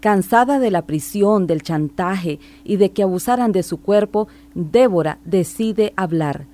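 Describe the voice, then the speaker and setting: A woman reporter reading a measured, formal news narration. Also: medium pitch, expressive, dark tone.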